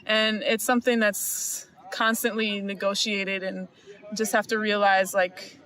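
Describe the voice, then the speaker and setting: Woman speaking in a flat, even tone. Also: medium pitch, measured pace. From Evanston, Illinois. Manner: thoughtful, even delivery. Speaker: interviewee. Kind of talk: reflective interview talk.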